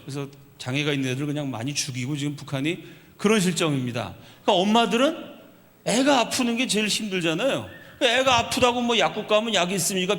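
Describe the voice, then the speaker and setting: A male pastor preaching a sermon, asking his congregation questions and acting out the stories he tells. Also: a little high. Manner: asks the congregation rhetorical questions; tells stories and acts out quoted speech. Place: church sanctuary. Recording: reverberant church hall.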